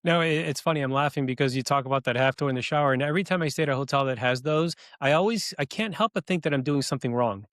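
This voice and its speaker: A man's voice: medium pitch, fast, hardly any pauses, fairly bright tone, no echo, studio quality. A man hosting a podcast, asking thoughtful questions in a friendly, easygoing way and laughing easily. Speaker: podcast host. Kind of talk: casual podcast conversation.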